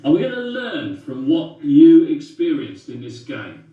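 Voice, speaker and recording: A man teaching a class and leading a simulation game, talking in a brisk, directive way, recorded from a distance in a classroom. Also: fairly high pitch, sing-song, muffled recording. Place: school classroom. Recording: echoey room, mic far off.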